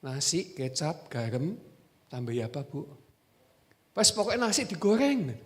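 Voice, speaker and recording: A man preaching a sermon as pastor, animated and joking, repeating his exhortations. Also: on the high side, a little slow. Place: church hall. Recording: echoey church hall.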